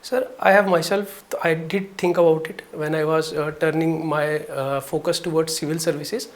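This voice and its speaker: A young man from Jammu and Kashmir answering interview questions politely and deferentially, pausing often to gather his words. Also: fairly high pitch, fairly even intonation. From Jammu and Kashmir, India. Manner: polite, deferential, hesitant with many pauses. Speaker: interview candidate.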